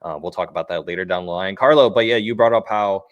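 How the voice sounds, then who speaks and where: Deep-voiced man hosting sports chat. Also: fast talker, dry recording. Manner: easygoing, steady, asks his co-host questions. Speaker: podcast host. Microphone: home desk microphone.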